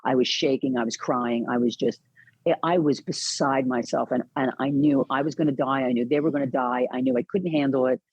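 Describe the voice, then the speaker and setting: A woman guest on an interview podcast, telling a personal story in an earnest, animated way with many restarts. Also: very deep voice, brisk, breathy edge, no room sound, lo-fi sound. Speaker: podcast guest, caregiving advocate.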